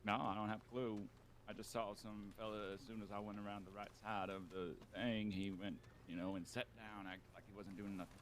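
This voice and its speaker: A man's voice: on the low side, level tone, brisk, slight background noise. A man in an in-character western role-play, bantering in a dry, stubborn drawl.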